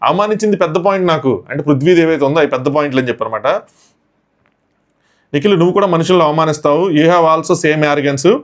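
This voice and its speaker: A man recapping a reality show episode in a fast, breathless commentary, sprinkling English words into his storytelling. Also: a little high.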